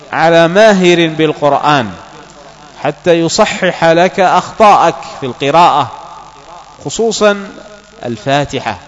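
Guy teaching quran reading, slow and careful, sounds muffled and lo-fi with a long echo tail. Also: a little high. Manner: slow, deliberate, stresses letters when correcting pronunciation. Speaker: Islamic scholar teaching Quran recitation. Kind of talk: religious lesson. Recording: dull lo-fi sound with long reverb and hum.

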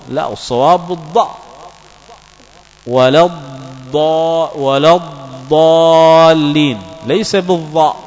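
A man teaching Quran recitation in a slow, deliberate religious lesson, stressing each letter as he corrects pronunciation. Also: sits high. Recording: dull lo-fi sound with long reverb and hum.

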